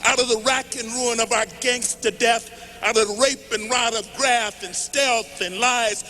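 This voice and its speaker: A man reciting poetry as an impassioned rally speech, declaiming in measured phrases. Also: very high voice, fairly even intonation, bright, forceful tone. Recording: noisy large hall with long reverb.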